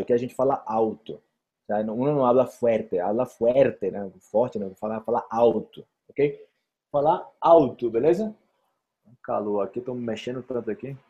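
A young man with a Brazilian accent runs a live-stream Portuguese vocabulary quiz in a chatty, lively way and reads viewers' comments aloud. His voice sits a little high, but its tone is mellow and slightly husky.

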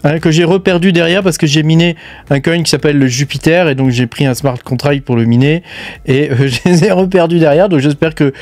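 A man's voice: a little high, fairly even intonation, brisk, darkish tone, no echo. A man hosting a casual crypto news show, talking straight to the viewer in a chatty, filler-heavy way. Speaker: crypto mining news host. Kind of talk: casual unscripted commentary.

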